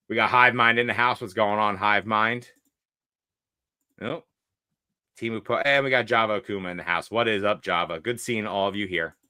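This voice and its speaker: A man's voice: on the low side, sharp tone, dry recording, clean studio sound. A young man co-hosting a casual livestream podcast, joking around and greeting viewers in the chat. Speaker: podcast co-host.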